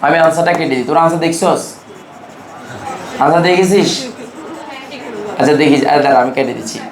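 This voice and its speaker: Over crowd noise in an echoey room, a Bangladeshi man with a slightly high voice lectures on chemistry. He treats his students like younger siblings, informally quizzing them with rapid questions again and again.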